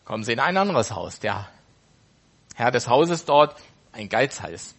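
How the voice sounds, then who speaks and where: A man's voice: medium pitch, very animated, measured pace. A man casually retelling a parable off the cuff, correcting himself as he goes. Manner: unscripted, with fillers and self-corrections.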